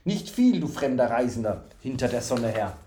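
A man's voice: medium pitch, very animated, moderate pace, dark tone, reverberant, slight background noise, close to an everyday voice. A man voicing a simple-minded, childlike male fool from the forest, eager and full of repeated questions. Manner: eager, questioning, singsong repetitions.

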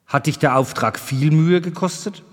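A man reading the part of a stern, measured old king who questions a young squire. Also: fairly high pitch, close to an everyday voice. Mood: probing. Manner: questioning, weighty, deliberate. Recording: long reverb.

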